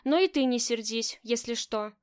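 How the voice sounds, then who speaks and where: A woman's voice: on the high side, moderate pace, a little mellow, clean tone, close to an everyday voice. Woman reading as a cool, curt lady crime boss. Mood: casual. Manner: curt, cool and self-assured. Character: cold commanding female crime boss, middle-aged.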